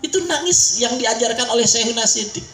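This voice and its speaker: A man with a Sundanese accent preaching a sermon, leading a crowd in call-and-response with an animated voice that swings between high and low. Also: fairly quick, music in the background. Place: large pesantren gathering. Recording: echoey hall, faint noise.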